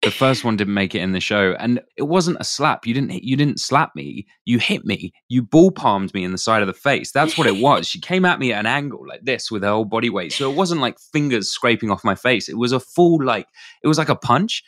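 A man's voice: medium pitch, expressive, a little fast, fairly bright tone, no room sound, studio quality. A man in his thirties co-hosting a casual rewatch podcast, joking and self-mocking. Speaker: podcast co-host, actor.

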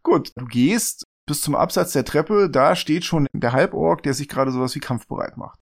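A man narrating a tabletop game as game master, relaxed and wry. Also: fairly high pitch, moderate pace, creaky.

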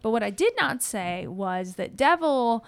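Chatty woman with a smooth voice. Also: a little high, big pitch swings, measured pace, no echo. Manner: rambling, self-correcting, chatty. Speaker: podcast co-host. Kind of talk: casual storytelling chat.

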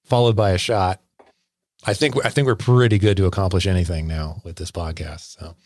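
Low-voiced man hosting a beer podcast. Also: a little fast. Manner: relaxed, leads the beer tasting with questions. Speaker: podcast host. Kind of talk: casual chat. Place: home setup, remote call.

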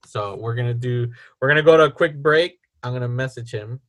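A man in his late thirties hosting a casual podcast chat over a video call, chatty and quick to laugh. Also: mid-range voice, a bit bright, slight background noise. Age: 30s. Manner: chatty, laughs easily, loose filler-heavy talk. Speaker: podcast host.

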